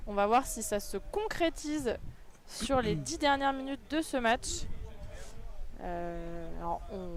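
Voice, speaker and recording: A woman's voice: on the high side, expressive, measured pace. A woman giving live match commentary in a conversational way, mixing casual chat with analysis of the play. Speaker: sports commentator.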